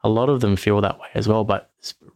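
A man's voice: on the low side, fairly even intonation, fairly quick, darkish tone, dry recording, clean studio sound. A man co-hosting a casual sports podcast, rambling and self-correcting, a little tipsy from wine. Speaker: podcast co-host.

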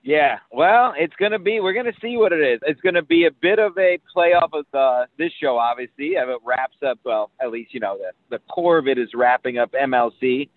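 Thin, bassless man on a call line. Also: lively intonation, brisk, hardly any pauses, no room sound. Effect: thin voice with no bass over a call line. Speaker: podcast co-host calling in remotely. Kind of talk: casual chat. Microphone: remote call. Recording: tinny phone-like call line, dry.

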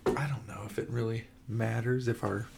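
A man's voice: mid-range voice, steady tone, normal speed, vocal fry, heavy background noise. A man co-hosting a casual home podcast, joking and laughing while he sneezes and coughs with a runny nose. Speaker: podcast co-host.

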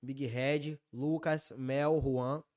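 A man's voice: mid-range voice, drawn-out words. A man with a Bahian accent, a podcast guest chatting casually and acting out quotes as he tells stories. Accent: Bahian Portuguese. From Bahia, Brazil. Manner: animated storyteller, acts out quotes. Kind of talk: casual chat. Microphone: studio mic, sometimes stepping away.

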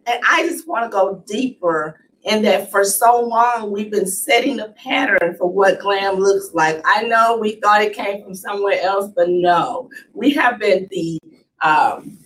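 A woman's voice: medium pitch, recorded from a distance, a little hiss or hum, low-quality recording. Chatty woman podcast host, stuffy. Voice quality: slightly raspy throat. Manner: warm, chatty, animated with fillers. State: stuffy, sniffling from allergies. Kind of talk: casual podcast monologue.

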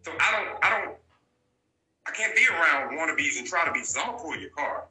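Blunt, bright-voiced male interview guest. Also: fairly high pitch, animated, fairly quick, reverberant, soft background music, rough recording. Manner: blunt, emphatic, repeats key points. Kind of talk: candid storytelling.

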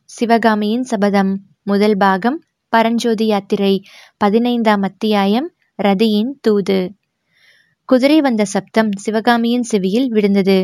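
A woman reading a historical novel aloud as an audiobook narrator, in a measured, even storytelling voice. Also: medium pitch, no echo, clean studio sound.

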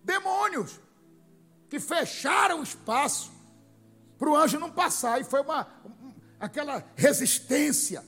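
A man with a Brazilian Portuguese accent, preaching a sermon as pastor, animated and rising to loud bursts. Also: very high-pitched, a little slow, gravelly, long pauses, soft background music.

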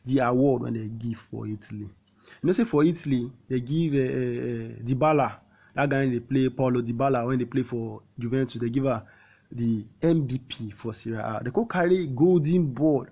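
A man with a Nigerian accent hosting a football talk show in casual Pidgin, animated, repeating himself and throwing out rhetorical questions. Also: medium pitch, highs cut off. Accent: Nigerian, speaking Pidgin.

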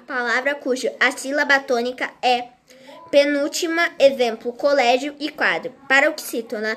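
A woman reading a grammar lesson aloud in a slow, halting way, restarting words as she goes. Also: high-pitched, sharp tone. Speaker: teacher.

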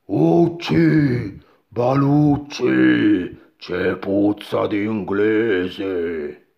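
A man doing a booming slow giant. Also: creaky, exaggerated voice. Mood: menacing. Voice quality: booming, drawn-out. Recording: dull lo-fi recording.

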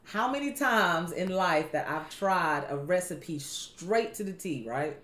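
A woman hosting a faith-based chat, talking in a relaxed, conversational, preachy way. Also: on the low side, unhurried, reverberant. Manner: conversational, preachy, uses everyday analogies. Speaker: podcast host.

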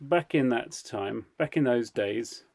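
Guy w a telling a funny story on a podcast, laughs a lot, mid-pitched voice. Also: takes it slowly, vocal fry. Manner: animated, laughs through his story. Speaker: podcast co-host. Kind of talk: casual storytelling chat.

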